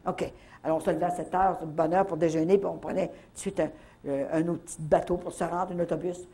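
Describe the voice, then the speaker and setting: Husky older woman with a Canadian French accent. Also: fairly low pitch, quick pace. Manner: lively storytelling with frequent "là, hein" tags. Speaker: retreat speaker. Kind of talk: faith testimony storytelling.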